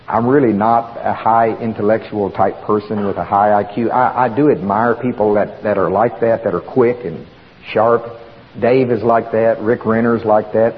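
A man with an Oklahoma accent preaches informally as a guest preacher, folksy and plain-spoken, repeating words for emphasis. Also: lowish voice. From Oklahoma, United States. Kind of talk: informal sermon to a congregation. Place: church sanctuary. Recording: reverberant hall, muffled, faint noise.

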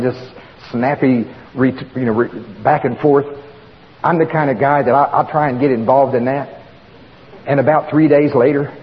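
A man with an Oklahoma accent preaches informally as a guest preacher, folksy and plain-spoken, repeating words for emphasis. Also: medium pitch. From Oklahoma, United States. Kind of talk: informal sermon to a congregation. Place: church sanctuary. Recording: reverberant hall, muffled, faint noise.

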